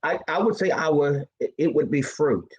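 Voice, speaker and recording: Lively husky-voiced man moderating. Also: fairly high pitch, moderate pace. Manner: playful, lively, teasing. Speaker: panel moderator. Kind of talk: casual church panel talk. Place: church event room.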